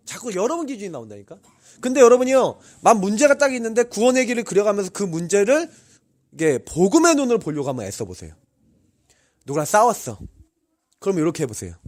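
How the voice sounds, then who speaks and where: A man's voice: very high voice, darkish tone. A male pastor preaching to university students, telling personal stories and asking the audience many questions. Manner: tells personal stories with vivid sound words.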